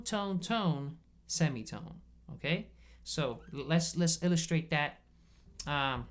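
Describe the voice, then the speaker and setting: A man teaching bass guitar in a casual video lesson, explaining patiently step by step and checking in often. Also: warm tone. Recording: bass guitar playing between phrases.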